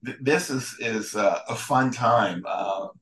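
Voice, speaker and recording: A man with a lowish voice talks casually as a podcast guest, rambling along and restarting his sentences often. He sounds relaxed and conversational, answering questions at length. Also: low-quality recording. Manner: rambling, halting, with many restarts. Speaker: guest, ballpark photographer and historian. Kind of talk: casual interview talk.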